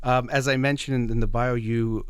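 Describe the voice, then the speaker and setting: A man hosting a radio interview show, giving a measured, formal introduction of his guest. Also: medium pitch, flat delivery, smooth, no echo, clean studio sound.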